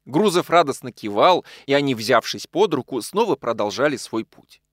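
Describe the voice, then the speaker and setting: A man narrating an audiobook with expressive storytelling. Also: medium pitch, moderate pace, dry recording, clean studio sound. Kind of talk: scripted narration.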